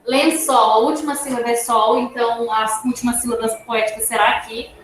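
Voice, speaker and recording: A Brazilian woman teacher with a slightly high voice explains a poem to her class at a patient, step-by-step pace, checking in with "tá?" again and again. She sounds roomy and echoey, as if caught by a microphone across the classroom, with faint noise underneath. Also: steady tone. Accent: Brazilian Portuguese. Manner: explains slowly, often adding "tá?". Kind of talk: classroom lesson on poetry. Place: school classroom.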